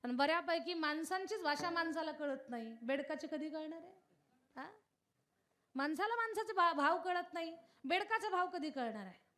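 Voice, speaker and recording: A woman preaching a devotional kirtan sermon, telling a story and putting questions straight to her audience in an animated way. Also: extremely high pitch, normal speed.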